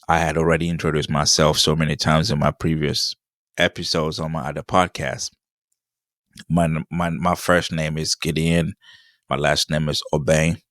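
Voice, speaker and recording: A man's voice: a bass voice, a bit bright, no echo, studio quality. A young man, hosting a solo podcast in a rambling, hesitant way with many restarts and fillers. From Ghana. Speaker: podcast host.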